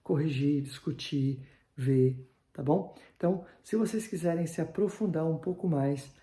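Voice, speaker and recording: A man teaching a grammar lesson online, checking in constantly with his viewers and slowing right down to spell out example sentences. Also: on the high side, dark tone, roomy sound. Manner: checks in with "tá?" after nearly every phrase, slows down for examples. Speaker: German teacher.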